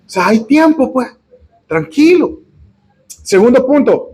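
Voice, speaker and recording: A pastor with a fairly high voice talks his way through a sermon in a relaxed, chatty manner. He keeps checking in with his listeners and drops in light, humorous asides. The sound is roomy and echoey, as in a church hall. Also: unhurried. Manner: chatty, often asks "¿verdad?" and adds humorous asides. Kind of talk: conversational sermon with Bible reading.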